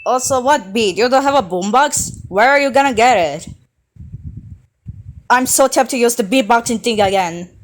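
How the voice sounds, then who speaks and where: A woman's voice: fairly high pitch, moderate pace. A woman giving sarcastic roast commentary, snarky and full of swearing.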